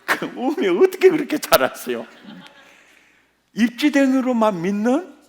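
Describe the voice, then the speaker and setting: A man's voice: very high voice, a little slow, gravelly. A male pastor preaching a revival sermon, often putting questions to the congregation. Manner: animated, quizzing the congregation.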